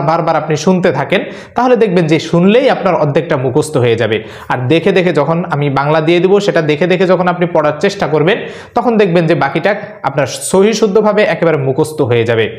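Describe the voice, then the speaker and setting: A man teaching a religious lesson on prayer recitation, earnest and instructive, repeating phrases slowly for learners. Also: on the high side, reverberant.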